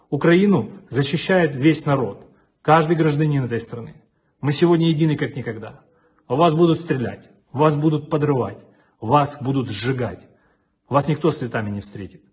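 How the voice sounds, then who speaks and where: A middle-aged city mayor with a husky, darkish, fairly high voice delivers a stern, defiant video address to enemy soldiers. He sits close to a webcam in an indoor office with flags behind him.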